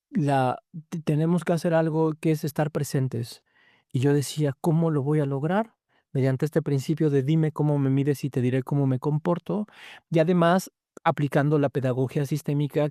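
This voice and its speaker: A man's voice: a little high, no echo, studio quality. A man, a university teacher as interview guest, telling stories and acting out quoted students. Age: 50s. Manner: animated storytelling, acts out quoted students. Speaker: guest lecturer. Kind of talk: conversational interview.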